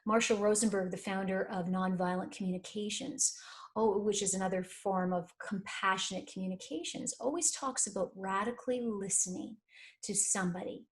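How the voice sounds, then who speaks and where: A woman, a life and career coach telling stories in an interview, animated and acting out the voices of people she quotes. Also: medium pitch, moderate pace. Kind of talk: conversational interview storytelling.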